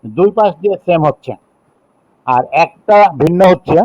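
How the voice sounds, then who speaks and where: A middle-aged male teacher with a Bangladeshi accent and a slightly high speaking voice explains chemistry step by step. He counts aloud and checks in with his students. The recording is dry and dull, with a lo-fi tone. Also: animated, no echo. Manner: reads rules slowly in English, then explains in Bengali, counting aloud. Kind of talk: classroom lecture.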